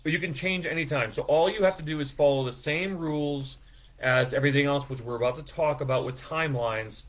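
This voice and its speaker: A man's voice: fairly high pitch, fairly quick. A man presenting the season details for his farm in a casual, rambling way, with lots of fillers and self-deprecating asides. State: feeling sick after overeating.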